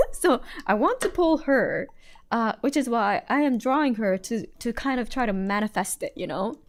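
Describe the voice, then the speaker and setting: Giggly woman with a lively voice. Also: a little high. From United States. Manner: giggly, chatty, trails off and restarts. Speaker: streamer. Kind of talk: casual livestream chat while drawing.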